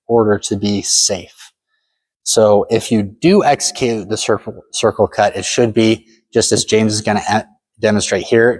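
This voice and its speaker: Guy with a lowish voice coaching fencing, explains moves step by step, matter of fact instructions. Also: darkish tone. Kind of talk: spoken demonstration lesson, explaining step by step.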